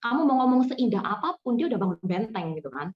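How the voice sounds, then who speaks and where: A woman's voice: fairly high pitch, fast talker. Woman trainer on a dull call. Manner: lively, addresses listeners warmly as friends, mixes in English words. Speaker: sales trainer. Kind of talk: online training talk.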